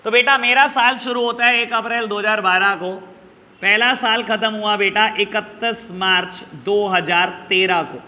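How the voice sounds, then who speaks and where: Bright-voiced man teaching in a reverberant classroom. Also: high-pitched, fairly even intonation, normal speed. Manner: affectionate, repeatedly calls students "beta"; asks "clear?" to check understanding. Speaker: accounts teacher. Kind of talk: classroom lecture. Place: classroom with students present.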